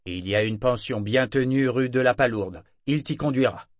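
A man's voice: mid-range voice, moderate pace, no echo, clean studio sound, close to an everyday voice. Brief: man voicing a firm middle-aged sea captain, emphatic and a bit raised, storybook reading. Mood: stern. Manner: emphatic, stern. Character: shrewd middle-aged male ship captain, firm but fair.

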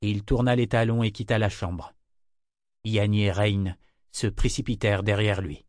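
A man reading a novel aloud as narrator, in an even, measured way. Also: on the low side, no room sound, studio quality. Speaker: audiobook narrator. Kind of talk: scripted narration.

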